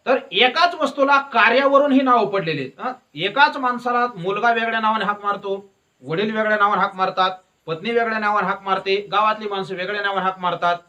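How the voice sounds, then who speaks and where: A man preaches a devotional discourse in a high voice. He keeps asking questions and answering them himself, and tells stories along the way. His tone is bright and forward. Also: brisk, dull audio. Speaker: kirtan preacher.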